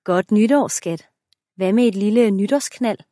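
A woman's voice: medium pitch, darkish tone, dry recording, studio quality, lightly acted. A woman doing a cheeky young husband. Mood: teasing. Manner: teasing, cheeky. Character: playful, lustful young husband.

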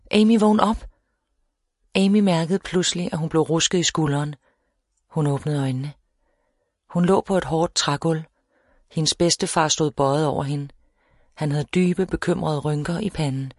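A woman reading a novel aloud as an audiobook narrator, in a steady, measured storytelling manner. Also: low voice, dry recording, studio quality. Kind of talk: scripted narration.

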